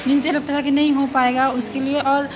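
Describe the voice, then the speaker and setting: A woman's voice: high-pitched, little pitch movement, fairly quick, slight background noise. A woman recruited to the police answers plainly and matter-of-factly into a handheld mic. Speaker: police sub-inspector recruit. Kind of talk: interview answer.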